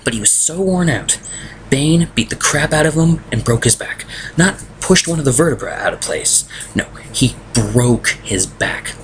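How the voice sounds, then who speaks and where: A man's voice: on the high side, lively intonation, normal speed, fairly bright tone, low-quality recording. A young man casually reviewing a film from a room at home, exasperated and ranting. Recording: noticeable background noise.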